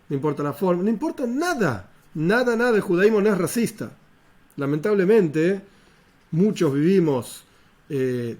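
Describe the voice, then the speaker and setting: A man's voice: a little high, a little mellow. A man with an Argentine Spanish accent, a rabbi giving an informal religious lesson, talking in a conversational way and repeating points for emphasis. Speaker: rabbi teaching a class.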